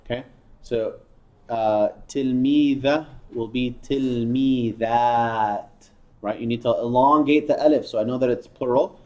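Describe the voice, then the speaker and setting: A man's voice: mid-range voice, normal speed, a little mellow, highs cut off. A man teaching a class, drilling words and patiently correcting and praising students. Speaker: Arabic teacher.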